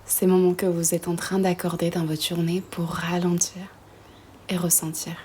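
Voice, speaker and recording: A woman's fairly low, completely flat voice guides a yoga nidra meditation in a breathy half-whisper, gentle and soothing. Long pauses separate her phrases, and there is a little hiss or hum.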